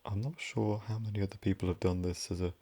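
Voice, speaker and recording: Guy doing whispered role-play asmr, very low breathy voice, rambly and soft. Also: steady tone, quick pace. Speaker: ASMR creator.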